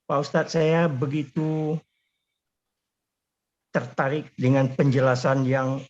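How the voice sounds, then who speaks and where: A man's voice: medium pitch, steady tone, slow pace. A man calling in with a polite, deferential question over call audio that keeps breaking up. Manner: polite, deferential, keeps repeating the respectful address. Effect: choppy call audio that keeps breaking up. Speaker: caller asking a question. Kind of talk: question in an online Q&A. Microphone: remote call. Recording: dull lo-fi call line.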